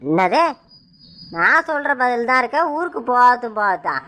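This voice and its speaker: A woman voicing a high, scolding village husband. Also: very animated, moderate pace, bright, forceful tone. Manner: defensive, scolding. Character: defensive village husband, middle-aged, quick to anger. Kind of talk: cartoon voice acting.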